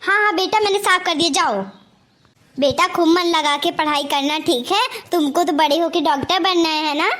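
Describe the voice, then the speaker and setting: Doting gullible mother, voiced by a woman, Awadhi-tinged Hindi, fairly high voice, fussy, nagging, cartoon. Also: moderate pace, a bit bright. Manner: fussy and nagging, keeps asking "theek hai?". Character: doting, gullible middle-aged mother with favoritism. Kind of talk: cartoon comedy voice acting.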